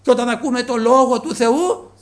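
High-voiced man preaching a sermon. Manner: earnest, addresses listeners as brothers, swings between soft and raised.

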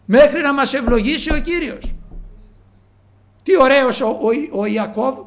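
Preacher, male, very high voice, earnest sermon delivery with soft and raised passages. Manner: earnest, addresses listeners as brothers, swings between soft and raised.

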